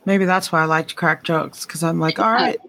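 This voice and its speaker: A woman's voice: sits low, level tone, brisk, vocal fry, a bit bright, a little hiss or hum. A woman in her fifties chatting casually and candidly, joking and laughing often. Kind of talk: casual chat.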